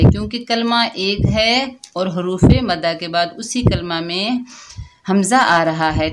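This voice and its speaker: A woman's voice: lowish voice, background noise. A woman teaching Quran recitation, patiently explaining each letter step by step.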